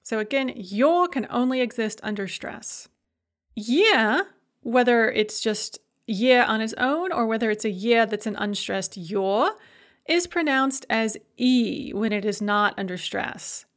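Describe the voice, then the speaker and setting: A woman's voice: on the high side, expressive, measured pace. A woman teaching a pronunciation lesson, explaining rules step by step and carefully sounding out example words. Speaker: language teacher.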